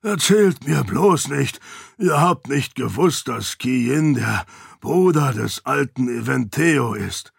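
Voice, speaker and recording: A man voicing a hearty, jovial overweight nobleman who talks in a booming way. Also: expressive, takes it slowly, gravelly, slightly rough, no room sound, clean studio sound, full character voice. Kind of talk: audiobook character voice.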